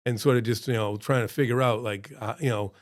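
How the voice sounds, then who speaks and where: A man at an ordinary, middle pitch tells a story in a loose, rambling way. He jumps sharply upward when he acts out what people said, then drops back into casual chatter. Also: steady tone, a little fast. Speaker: restaurant owner and show host.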